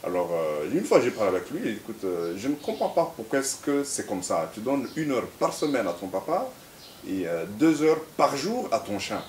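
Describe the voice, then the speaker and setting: A man from Central Africa, an interview guest who talks haltingly, repeating words, then tells stories in a measured way. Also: medium pitch, sing-song, darkish tone. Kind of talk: reflective conversational interview. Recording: echoey room with faint hiss.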